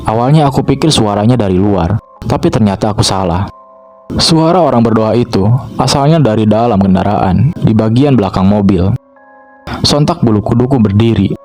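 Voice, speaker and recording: Guy telling a spooky story slow and steady, lowish voice, cheap mic, faint music behind. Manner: calm, steady storytelling with short pauses. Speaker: horror story narrator. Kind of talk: scripted first-person horror narration.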